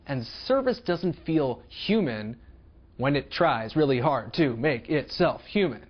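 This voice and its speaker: A man putting on a stiff, stilted robot voice with a slow, mechanical delivery. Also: medium pitch, very animated. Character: stiff robotic male service voice. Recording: dull lo-fi recording.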